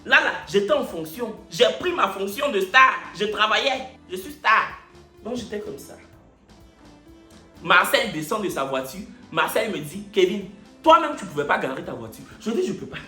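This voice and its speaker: A man vlogging, telling a comic story to camera in an animated, mock-indignant, boastful way. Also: high-pitched, normal speed. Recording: roomy echo, faint music behind.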